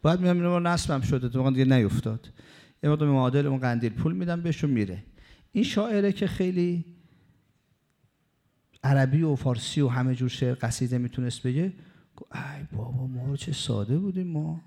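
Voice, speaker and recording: A man preaching, telling a story in a conversational, lively sermon style. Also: mid-range voice, long pauses.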